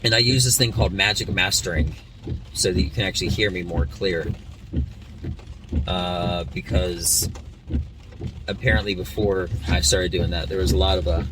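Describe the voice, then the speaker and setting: A man speaking in a casual, unscripted podcast monologue, halting as he thinks aloud while driving through rain. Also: deep voice, steady tone. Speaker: podcast host, comedian. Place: inside a car, driving in rain. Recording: noisy car, distant mic, rain. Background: rain and car noise.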